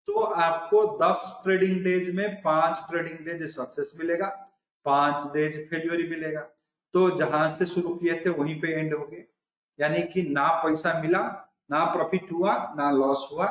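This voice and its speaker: A man's voice: on the high side, reverberant, low-quality recording. A man giving a recorded online trading lesson, explaining step by step and often restating his points. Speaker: trading instructor.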